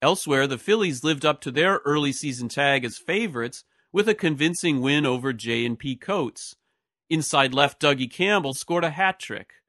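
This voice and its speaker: A man's voice: on the high side, lively intonation, normal speed, bright, forceful tone, no echo, clean studio sound. A man reading a scripted history narration as a podcast host. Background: music.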